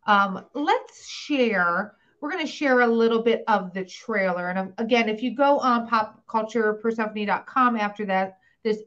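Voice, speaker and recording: A woman hosting a podcast in casual chat, talking in a chatty, animated way with many fillers. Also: mid-range voice. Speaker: podcast host. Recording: slightly dull podcast audio.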